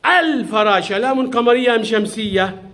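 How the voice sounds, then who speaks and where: A male primary school teacher with a notably high voice fires questions at young pupils. He is patient, praises right answers and gently scolds those who stray. His delivery is classroom questioning. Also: animated, brisk.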